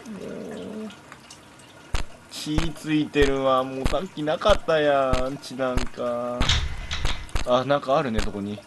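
A man's voice: medium pitch, takes it slowly, long pauses, noisy background. A man commentating a horror game, jumpy and chatty, bickering with the game. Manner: jumpy, talks back at the game with jokes and complaints.

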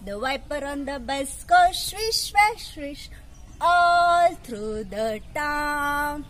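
A woman's voice: sits high, animated, a bit bright, soft background music. A young woman with an Indian English accent, a pre-primary teacher singing a nursery rhyme with actions in an outdoor school garden, recorded by a camera a few metres away. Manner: slow, sing-song, with big hand gestures.

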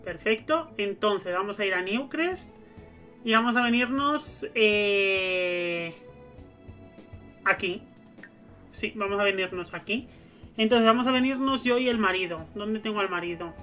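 A woman's voice: medium pitch, a little slow, pushed and bright, soft background music. A woman, giving casual gameplay commentary as a streamer and chattily narrating each move she makes. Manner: chatty, narrates her own moves aloud. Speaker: gaming streamer.

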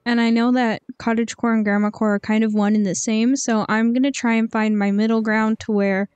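A woman's voice: a little high, flat delivery, fairly quick, darkish tone, smooth, dry recording, dull audio. Chatty young woman with a slight lisp. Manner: chatty and upbeat, with frequent ums. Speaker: gaming channel host. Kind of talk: casual game commentary voice-over.

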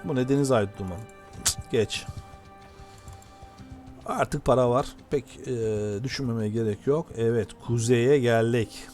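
A man talking through a video game session in casual commentary. He gets excitable and shouts at the game during tense moments. Faint game music plays behind him. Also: medium pitch, unhurried, long pauses. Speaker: gameplay commentator.

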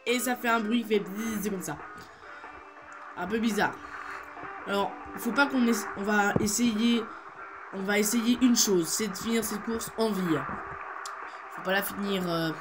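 A man's voice: high-pitched, fairly even intonation, a little slow, pauses often. A teenage boy hosting a video, giving rambling, playful commentary on a game with many hesitations. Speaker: gaming video host. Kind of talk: casual gameplay commentary. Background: game music.

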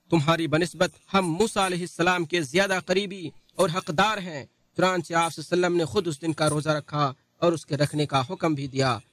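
A man reading a translated Friday sermon in a solemn, measured recitation. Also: high-pitched, fairly bright tone, no echo.

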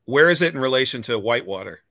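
A musician in his fifties hosts a casual video-call interview from a room at home, thinking aloud in long, rambling sentences full of fillers and restarts. His medium-pitched voice is animated, fast and sharp-toned, yet thoughtful. Picked up on a webcam, the recording is dry and of studio quality.

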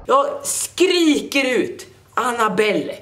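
Teen male vlogger, high-pitched and animated, jokey storytelling, reverberant room. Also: noisy background. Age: teens. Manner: animated, jokey, keeps apologizing. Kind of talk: casual storytelling to camera.

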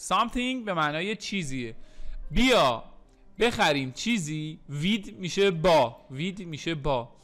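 A man teaching English in a recorded lesson, repeating English phrases slowly and then explaining them, with playful joking asides. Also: on the high side, expressive, fairly bright tone. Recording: faint music underneath.

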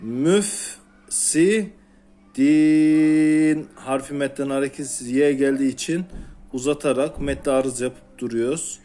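A man with a Turkish accent teaches beginners to read the Quran, sounding out syllables one at a time and stretching and repeating them slowly. His voice is medium-pitched and dark with little pitch movement, and soft music plays in the background.

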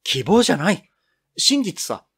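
A man's voice: mid-range voice, sing-song, slightly rough. A man reading the part of Piro, a cheerful, boyish young woman who talks firmly and confidently. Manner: brisk, scolding, confident.

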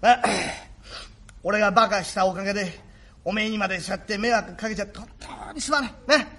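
A man playing a remorseful rough working-class father, gruff yet tender, in old Tokyo shitamachi speech. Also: sits high, quick pace, sharp tone. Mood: apologetic. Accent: Tokyo shitamachi (Edo). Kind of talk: rakugo storytelling.

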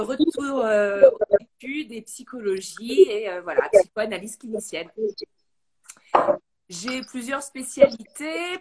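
A woman's voice: fairly high pitch, a little mellow. A woman speaking as a psychogenealogist guest in a casual live-stream interview, hesitant and full of filler sounds, speaking into a phone. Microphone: phone, later a headset.

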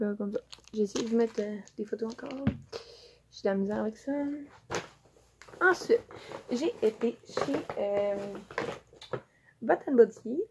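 A young woman with a Quebec French accent, chatting casually through a haul video with many fillers as she shows things to the camera. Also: fairly high pitch. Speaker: vlogger. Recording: dull lo-fi audio with faint noise.

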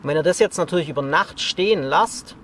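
A slightly higher-pitched man in his thirties talks through a hands-on outdoor task in a relaxed, chatty way. He is recorded outdoors in a forest camp by a camera some distance away, with a faint hiss behind him. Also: brisk. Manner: relaxed and chatty, explains step by step while working. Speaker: bushcraft instructor. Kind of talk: casual outdoor how-to demonstration. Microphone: camera a few meters off.

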